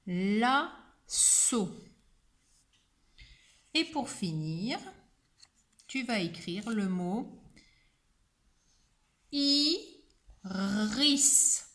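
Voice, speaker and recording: A woman teacher giving a slow, patient word dictation to a young child, sounding out each letter. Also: medium pitch, very animated.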